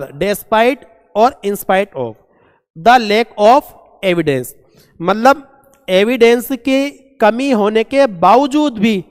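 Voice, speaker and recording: A man teaching a vocabulary lesson, asking and answering his own questions and reading English examples out slowly. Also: high voice, smooth. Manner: asks and answers his own questions, calls students "beta". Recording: long echoing reverb.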